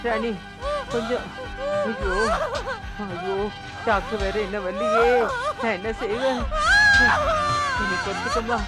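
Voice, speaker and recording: A woman's voice: fairly high pitch, huge pitch swings, takes it slowly, long pauses, exaggerated voice. An actress playing an elderly grandmother who pleads, prays and weeps beside her granddaughter in labor. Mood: tearful. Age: older. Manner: wailing, pleading, tearful. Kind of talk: Tamil TV serial acting. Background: loud dramatic music.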